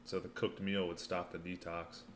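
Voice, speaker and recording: A man's voice: low voice, flat delivery, moderate pace, a bit bright, slight background noise. A man casually answering livestream questions in a laid-back, slangy way while eating, his mouth sometimes full. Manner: laid-back slangy delivery, often saying "man" and "you know"; throat clearing between remarks.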